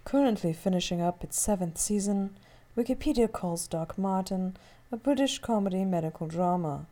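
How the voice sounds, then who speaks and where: A woman's voice: mid-range voice, normal speed, dark tone. A woman co-hosting a podcast, chatting casually in a playful, teasing way. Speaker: podcast co-host. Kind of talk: casual chat.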